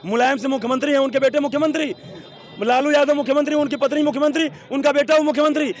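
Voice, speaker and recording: A man's voice: very high-pitched, steady tone, racing. A man defending his side in a heated street debate outdoors, piling up examples insistently. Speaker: debate participant.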